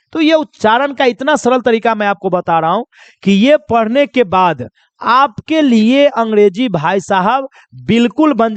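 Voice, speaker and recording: A man whose voice sits high, clear and resonant teaches pronunciation rules classroom-style. He peppers listeners with repeated quiz questions and refers to them as children. There's no echo, though the sound is muffled.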